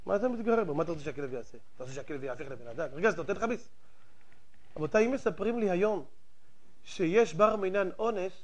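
High-voiced man preaching fiercely. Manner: emphatic, rhetorical questions, swings between loud outbursts and quiet asides. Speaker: rabbi. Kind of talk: fiery moralizing sermon.

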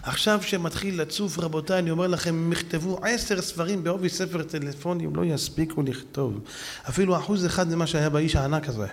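A man preaching a sermon and telling stories, acting out the people in them and often shouting. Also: a little high, big-room sound. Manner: animated storyteller who acts out quotes, often shouting.

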